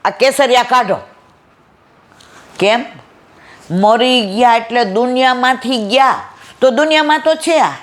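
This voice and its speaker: Animated woman preaching a satsang sermon. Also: a little high, measured pace, pauses often. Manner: animated storytelling, rhetorical questions, acts out dialogue. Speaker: satsang speaker. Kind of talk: devotional sermon with storytelling.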